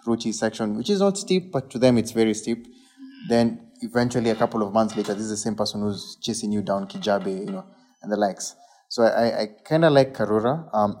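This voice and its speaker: A man's voice: fairly low pitch, darkish tone. A man with a Kenyan accent talking casually as a guest about his riding hobby. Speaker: enduro mountain biker, guest. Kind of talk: casual conversation.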